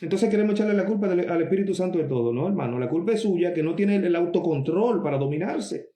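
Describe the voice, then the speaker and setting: A man with a fairly high yet mellow voice gives a Bible teaching sermon. He reads scripture slowly, then explains it with emphatic asides, calling out to his brothers. The sound is roomy and echoing. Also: animated. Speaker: preacher.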